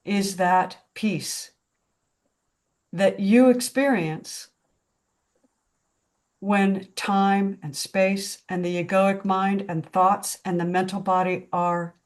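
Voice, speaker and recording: A woman facilitating a spiritual discussion group over a video call, speaking in a slow, reflective, contemplative way. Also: mid-range voice.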